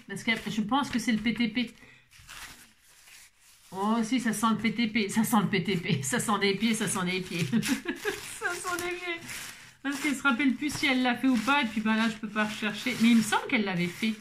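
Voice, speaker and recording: Gushing woman with a high voice. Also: fairly quick, fairly bright tone, slight background noise. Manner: chatty, playful, gushing exclamations. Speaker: crafting vlogger. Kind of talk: casual chat while unboxing craft mail. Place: at her craft table at home.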